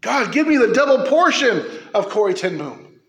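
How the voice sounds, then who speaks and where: A man preaching an impassioned sermon in a loud, forceful, exhorting voice, hammering on repeated phrases. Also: high-pitched, very animated, normal speed. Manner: emphatic repetition of phrases. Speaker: preacher, church pastor. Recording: echoey room.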